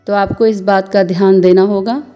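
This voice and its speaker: A woman teaching Sanskrit verse recitation, patiently chanting each line slowly and then explaining pronunciation. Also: medium pitch, steady tone, mellow, muffled recording, soft background music. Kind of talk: slow instructional recitation.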